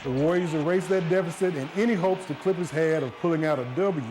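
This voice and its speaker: A man's voice: a little high, quick pace, music in the background. A young man delivering a sports report for a student news show, wry and joking.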